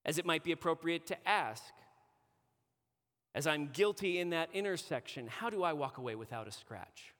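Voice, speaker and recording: A man's voice: fairly high pitch, lively intonation, moderate pace, fairly bright tone. A man preaching a sermon, weaving a personal story into his teaching with earnest conviction. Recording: long hall reverb.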